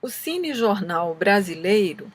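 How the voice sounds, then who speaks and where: Slow-paced Brazilian woman reading an explainer. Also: mid-range voice, sing-song, husky, dry recording. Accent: Brazilian Portuguese. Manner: measured reading with occasional stumbles. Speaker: presenter answering a film student's questions. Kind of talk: scripted explanatory narration.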